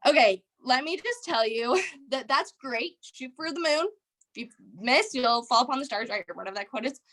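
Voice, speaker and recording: A woman's voice: high-pitched, animated, moderate pace, a bit bright. Chatty young woman rambling on a call. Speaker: team leader on a sales training call. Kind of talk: casual motivational talk. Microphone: video call.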